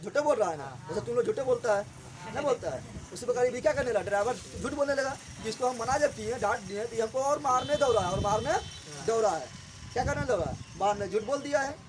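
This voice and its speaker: A man, teaching a story chapter to a class, often asking a quick question and answering it himself. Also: very high voice, lively intonation, background noise.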